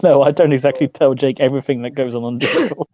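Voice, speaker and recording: A man's voice: mid-range voice, fast, warm tone, no room sound. A man in casual stream chat who teases and laughs, often stammering as he starts a sentence.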